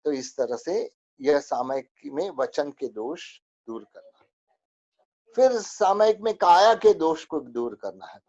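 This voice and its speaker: A man's voice: a little high, lively intonation, slow pace, warm tone, muffled recording. A man teaching a spoken religious lesson, going through a list of rules with many fillers.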